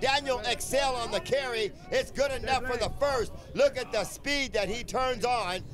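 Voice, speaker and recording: A man's voice: extremely high pitch, normal speed. A man giving live play-by-play American football commentary in an emphatic way, repeating his phrases. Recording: outdoor field with loud crowd behind. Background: crowd and outdoor field noise.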